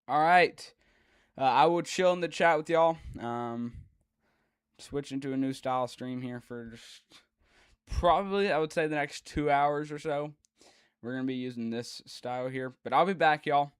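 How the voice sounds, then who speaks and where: A man's voice: fairly high pitch, moderate pace, clean tone, dry recording, studio quality. A man chatting casually as the host of a weather livestream. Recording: music playing behind the voice. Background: background music.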